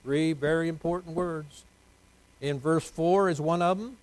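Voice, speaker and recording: An older man preaching a folksy sermon, joking with the congregation, dropping to quiet asides and rising to loud, drawn-out emphasis. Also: a little high, low-quality recording. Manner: jokes with the congregation, asks for amens.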